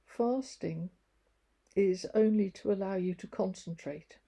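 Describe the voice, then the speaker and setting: A patient, gentle Jesus explaining things unhurriedly in a storybook reading, voiced by a woman reader. The voice is slow and mellow, with a gravelly, husky grain. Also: high-pitched, exaggerated voice. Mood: calm explaining.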